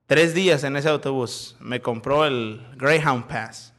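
A man preaching a sermon, mixing scripture with folksy, joking stories from his childhood and shifting between loud calls and quiet asides. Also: mid-range voice. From Mexico. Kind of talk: sermon with storytelling.

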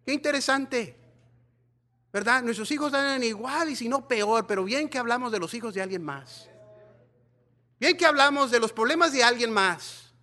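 Male pastor, high voice, bilingual sermon, animated. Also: normal speed. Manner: animated preaching, mixing Spanish and English, acting out gossiping church members.

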